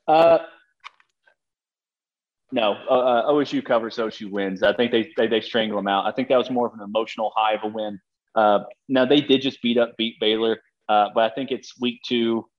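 A man's voice: fairly low pitch, fairly even intonation, fairly quick. Rambling man on a dull lo-fi mic. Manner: rambling, laughs often, swears casually. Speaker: sports podcast co-host. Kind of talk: casual sports betting chat.

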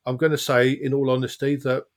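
A man hosts an interview podcast. His voice sits at a medium pitch. He talks in a chatty, slightly wordy and self-effacing way. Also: flat delivery, fairly quick. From South Essex, England. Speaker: podcast host.

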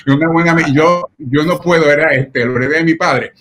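A middle-aged man with a slightly raised pitch, speaking as a pediatric doctor in an interview. He tells his stories earnestly and with visible feeling, often checking in with short tag questions. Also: moderate pace, a bit bright. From Puerto Rico. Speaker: pediatric nephrologist. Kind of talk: personal storytelling in an interview.

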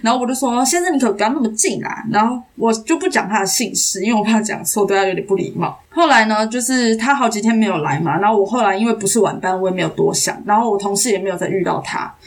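A young Taiwanese woman, an actress guest on a podcast, telling a story in a casual, animated way and acting out the dialogue. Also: mid-range voice, fast talker, hardly any pauses. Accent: Taiwanese Mandarin. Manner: animated, acts out quoted dialogue.

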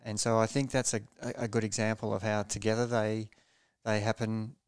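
Low, even-toned man. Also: clear, resonant tone, no echo. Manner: measured and low-key, often restarting phrases. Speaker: podcast guest, former racing cyclist. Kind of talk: reflective storytelling in a podcast interview.

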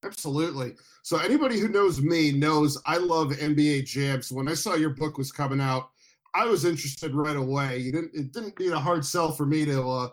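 A man hosting a podcast from home in a relaxed, chatty way with frequent fillers. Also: on the high side. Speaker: podcast host. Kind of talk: casual podcast chat.

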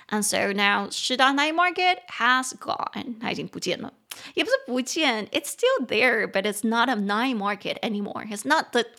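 A woman with a Taiwanese Mandarin accent hosts an English-learning podcast. She talks in a casual, chatty way and breaks into slow, careful English example sentences. Her voice sits at a middle pitch, close to the mic. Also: a bit bright. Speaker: podcast host teaching English.

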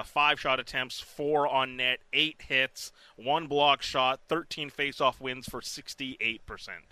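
Very bright, forceful male radio co-host. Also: mid-range voice, dry recording. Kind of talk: live sports talk radio.

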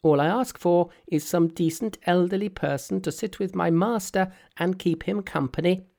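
A man's voice: moderate pace, vocal fry, a little mellow. A man reading a storybook aloud and voicing Monkey, a boastful, mischievous monkey hero, in a raised, teasing voice. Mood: cocky. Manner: brash, teasing, high-pitched put-on voice.

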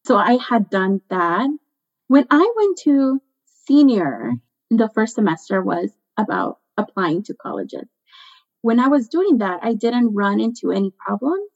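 A young woman from Guatemala recounts her own story as a podcast guest. She speaks slowly and earnestly, with a reflective tone. The sound is a bit dull and lo-fi. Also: fairly high pitch, sing-song. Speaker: guest, budget coach. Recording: muffled lo-fi sound.

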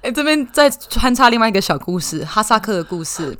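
A woman's voice: fairly high pitch, lively intonation, a little fast, a bit bright. A young woman with a Taiwanese Mandarin accent hosting a podcast, teasing her guest and laughing often in casual chat. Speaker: podcast host.

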